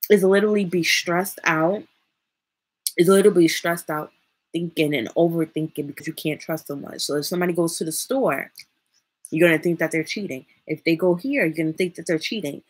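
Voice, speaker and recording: A woman streamer talks casually to her viewers with a slight lisp and a husky, breathy tone. Her voice sits a little low. She rambles and pauses to think between her points of advice. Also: lively intonation. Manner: rambling, thinks aloud, uses fillers. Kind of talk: casual live-stream talk.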